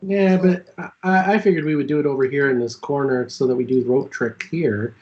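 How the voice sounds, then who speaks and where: A man's voice: mid-range voice, steady tone, a little fast, a little mellow. Casual man on dull lo-fi audio. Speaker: tabletop game player. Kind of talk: casual game discussion.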